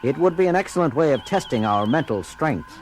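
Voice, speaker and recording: A commanding starship captain, played by a man, speaks over loud music with wide swings of pitch. He is blunt, urgent and suspicious, snapping out clipped orders in a sci-fi audio play. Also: lively intonation, fairly quick, lightly acted, low-quality recording. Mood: confrontational. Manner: authoritative, clipped. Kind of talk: dramatic science fiction audio play acting. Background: loud dramatic music.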